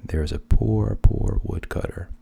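A man retelling fairy tales in a hushed, half-whispered narration, with wry deadpan asides. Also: sits low, a little slow, gravelly, husky. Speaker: storyteller.

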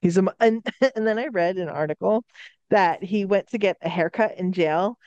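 A woman's voice: mid-range voice, moderate pace, a little mellow, smooth, no echo, lo-fi sound. A woman co-hosting a casual podcast, telling a story bluntly, swearing freely and stressing her points. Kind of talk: casual chat.

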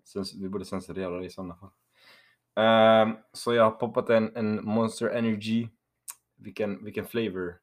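A man's voice: fairly low pitch, fairly even intonation. A young man, co-hosting a casual podcast chat, playful and sprinkling in English words. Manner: playful, mixes in English words, laughs often. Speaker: podcast co-host.

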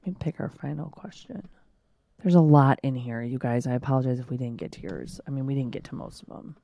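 A woman in her thirties chats on her home podcast with a low voice and a playful, teasing manner. The recording is dry and close, with no room sound. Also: brisk, creaky, no room sound. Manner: playful teasing, animated imitations. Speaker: podcast co-host. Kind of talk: casual chat. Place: home basement studio.

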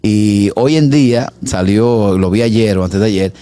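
A male radio host chatting in a lively way and laughing often. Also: on the low side, measured pace.

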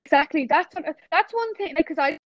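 A woman's voice: extremely high pitch, lively intonation, brisk, no room sound, dull audio. A young Irish woman in her twenties hosting a podcast interview in casual, agreeable chat. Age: 20s. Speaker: podcast host. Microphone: remote call audio.

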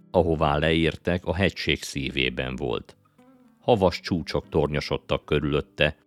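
A man narrating a children's story aloud in a calm, even storytelling manner. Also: rumbling low. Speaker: audiobook narrator. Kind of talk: scripted narration. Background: faint guitar music.

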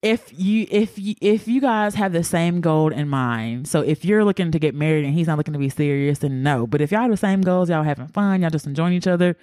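A woman's voice: low-pitched, fairly quick, few pauses, dark tone, no room sound, clean studio sound. A woman co-hosting a podcast in casual chat, talking loosely with slang and laughing often. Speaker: podcast co-host.

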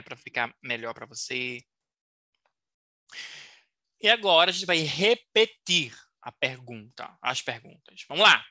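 A woman teaching a recorded English lesson in a playful, teasing, encouraging way, slowly modeling English phrases for learners to repeat. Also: sits low, pushed and bright, no room sound.

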